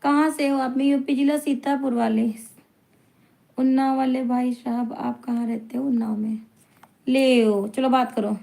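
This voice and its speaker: High-voiced chatty woman live streamer. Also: steady tone, unhurried, gravelly, warm tone. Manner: chatty, teasing, laughs often. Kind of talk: live-stream chat, reading viewer comments aloud.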